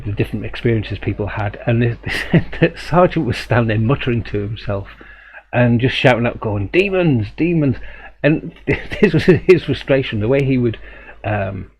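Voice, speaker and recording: A man's voice: medium pitch, breathy edge. A man teaching a live drawing stream, talking thoughtfully and rambling a little, often correcting himself and chuckling. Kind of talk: live drawing demo and chat. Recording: dull lo-fi stream audio with faint hum.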